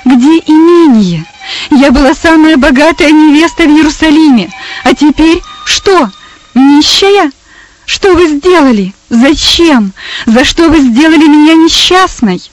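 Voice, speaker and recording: Woman doing a shrill, hysterical rich young bride. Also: measured pace, faint music behind, low-quality recording. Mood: shrill despair. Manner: shrill, crying out.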